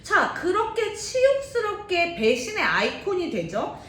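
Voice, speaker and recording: A woman's voice: wildly swooping pitch, measured pace, a bit bright. A woman teaching a Bible lesson to young people, telling the story in a chatty way and often asking the class questions. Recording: roomy echo, faint rumble.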